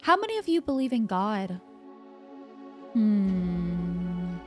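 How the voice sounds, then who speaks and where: Stern male professor who lectures and challenges his class, measured and dry , read by a woman in her own voice over faint game music. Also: medium pitch, very animated. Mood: lecturing. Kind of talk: reading game dialogue aloud.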